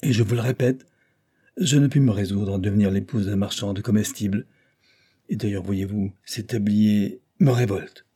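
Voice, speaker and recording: A man's voice: mid-range voice, animated, brisk, mellow, slightly rough. A man voicing a cold, haughty young woman in an audiobook, speaking curtly and with icy superiority.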